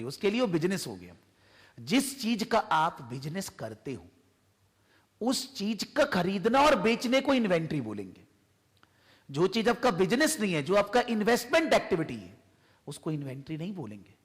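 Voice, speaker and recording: A man's voice: a little high, slightly rough. Indian man lecturing in a reverberant classroom. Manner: explains by repeated examples and questions. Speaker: accounting tutor. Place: tuition classroom.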